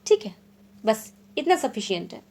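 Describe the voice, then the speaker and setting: A woman from India teaching English literature in an exam-prep lecture, explaining terms plainly and reading definitions slowly and deliberately. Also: a little high, very animated, a little mellow. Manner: checks in often with short confirming asides.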